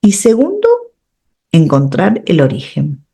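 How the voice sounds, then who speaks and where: A woman's voice: fairly low pitch, huge pitch swings, measured pace, vocal fry, dark tone. A middle-aged woman, a radio host and coach giving reflective step-by-step advice, often checking in with tag questions. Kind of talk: advice talk on personal growth.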